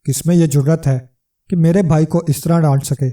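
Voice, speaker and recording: A man's voice: on the high side, fairly even intonation, dark tone, distant mic, lightly acted. A man voicing a huge, domineering wife who snarls and bosses her husband, in a storybook reading. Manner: bossy and snarling.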